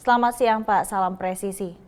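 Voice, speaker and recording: A woman anchors a broadcast interview, asking her prepared questions politely and briskly. Her pitch sits in a plain middle range, and she keeps her tone even and formal. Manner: polite, brisk, with soft backchannel hums. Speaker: news anchor.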